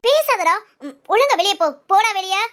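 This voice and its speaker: A woman playing a very high-voiced sulking young wife. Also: animated, moderate pace. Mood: scolding. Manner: sharp scolding, then soft musing alone. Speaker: actress in a village family skit. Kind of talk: comic family drama acting.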